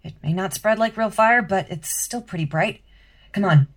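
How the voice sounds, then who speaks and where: A woman's voice: medium pitch, normal speed, slight background noise, lightly acted. An actress playing a blunt, foul-mouthed young woman who leads the group with impatient exasperation. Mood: tense. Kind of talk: audio drama acting.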